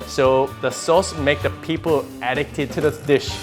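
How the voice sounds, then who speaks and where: A man chef describing his appetizer hesitantly, with many filler pauses. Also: a little high, steady tone, music in the background.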